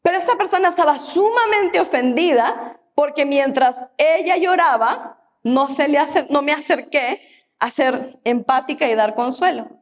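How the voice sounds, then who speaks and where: A woman's voice: sits high, normal speed. A woman pastor, preaching a sermon in church and repeating key phrases for emphasis.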